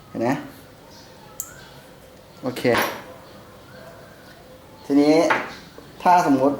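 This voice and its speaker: A man hosting a gun channel, talking in a relaxed way as he shows how to take a rifle apart and put it back together, with pauses and fillers while his hands are busy. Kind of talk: hands-on gun maintenance demo. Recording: roomy sound with faint background noise.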